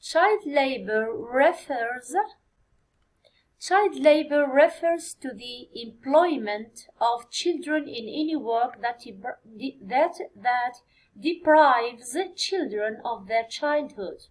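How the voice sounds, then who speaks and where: An Algerian woman teaching an English exam review, speaking slowly and deliberately, repeating key words and switching into Arabic to explain. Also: high-pitched, lively intonation, poor audio. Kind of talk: classroom exam review lesson.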